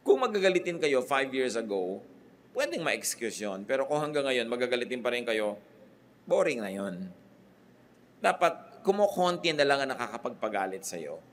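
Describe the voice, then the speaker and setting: An older Filipino pastor from the Philippines delivers a sermon in a mid-range voice with big pitch swings, at a moderate pace. He switches freely between Tagalog and English and poses rhetorical questions to his listeners, with a little hiss or hum in the audio.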